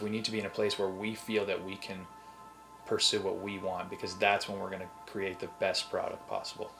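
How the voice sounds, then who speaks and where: Band guy talking earnestly, lowish bright voice, soft music under it. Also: creaky, low-quality recording. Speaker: band member. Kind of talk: reflective interview answer.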